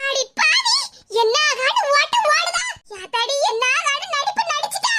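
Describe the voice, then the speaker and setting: A voice actor doing a squeaky scheming old mother-in-law. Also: very animated, normal speed. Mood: scolding. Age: older. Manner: gloating and scolding, loud complaints. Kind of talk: cartoon voice acting. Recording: loud background hiss.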